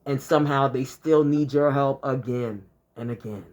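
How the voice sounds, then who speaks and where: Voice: mid-range voice, normal speed, darkish tone, slight background noise. A speaker in their fifties giving casual life advice to camera, talking conversationally, repeating points and stacking long lists of examples. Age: 50s. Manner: conversational, repetitive, peppered with "you know". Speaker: advice vlogger.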